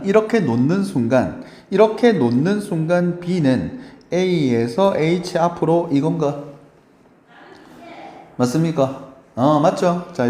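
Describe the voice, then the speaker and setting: A male math teacher giving a lively lecture, chatty and often checking in with his students. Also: fairly high pitch, slight background noise. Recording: roomy echo.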